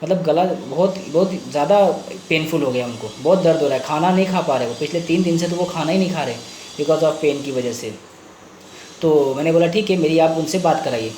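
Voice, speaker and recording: A man's voice: fairly high pitch, brisk, dark tone. A male homeopathic doctor presenting a patient case in a casual talk, switching between Hindi and English and retelling a patient's words. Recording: roomy echo, faint background noise.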